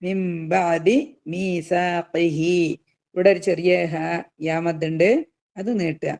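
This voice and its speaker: A woman teaching Tajweed rules of Quran recitation in a lesson, asking her students questions and answering them herself, now and then reciting words slowly. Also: lowish voice, little pitch movement, vocal fry, a little mellow. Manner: slowly drawn-out recitation of verse examples.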